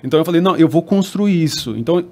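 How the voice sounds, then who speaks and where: Brazilian man host, slightly high voice. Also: expressive, racing, mellow. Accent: Brazilian Portuguese. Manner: storytelling, thoughtful, many restarts. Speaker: podcast host. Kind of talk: casual chat.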